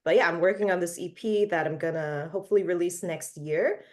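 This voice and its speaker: This young woman from Malaysia, a singer-songwriter, speaks in a fairly low, darkish voice at a fairly quick pace. Being interviewed, she answers casually and hesitantly, full of fillers and restarts, and laughs a lot.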